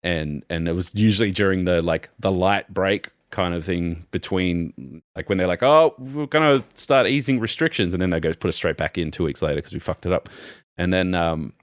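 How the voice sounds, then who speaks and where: On a laid-back podcast, this young male co-host spins meandering, lively tales, often breaking into laughter during the casual conversation. He has a deep voice and speaks at a moderate pace. The sound is studio-clean with no echo.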